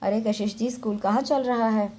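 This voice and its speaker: A woman's voice: on the high side, steady tone, normal speed, warm tone, natural voice. A woman voicing a playful young man who teases the girls around him. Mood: teasing. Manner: teasing.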